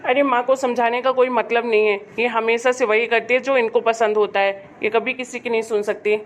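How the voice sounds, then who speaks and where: A woman's voice: fairly high pitch, fairly even intonation, brisk, slight background noise, lightly acted. A woman voicing an irritable adult son who scolds his mother impatiently in a family drama. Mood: angry. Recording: dull lo-fi home recording.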